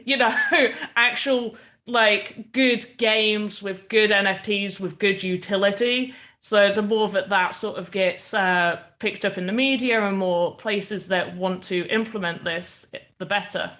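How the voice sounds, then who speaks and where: A woman with a bright, forceful voice of medium pitch talks as a podcast guest. She chats loosely and leans on filler words as she thinks aloud. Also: steady tone, unhurried, hardly any pauses. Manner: chatty, full of "like" fillers. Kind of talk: casual chat.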